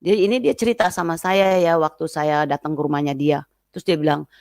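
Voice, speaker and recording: A woman telling a personal testimony as a guest, lively and acting out the voices of people she quotes. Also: fairly quick, no room sound, clean studio sound. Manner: lively, acts out quoted voices in a high pitch.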